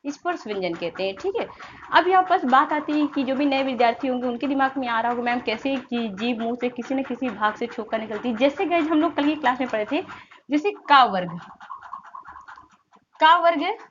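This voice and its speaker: Woman teacher, high voice, sounds out syllables in drills, lo-fi sound. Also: expressive, a little fast. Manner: repeats questions and answers them herself, drills sounds aloud. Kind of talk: online grammar lesson for exam students. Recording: slightly dull lo-fi sound with faint noise.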